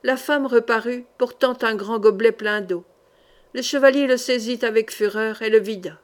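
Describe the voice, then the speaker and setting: A woman audiobook reader narrating a historical novel in a measured, dramatic storytelling manner. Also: on the high side.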